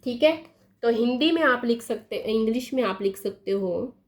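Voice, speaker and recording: A woman teaching a lesson, writing words on a board and repeating each one slowly, often asking her pupils questions. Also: on the high side, lively intonation. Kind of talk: slow classroom explanation at a board.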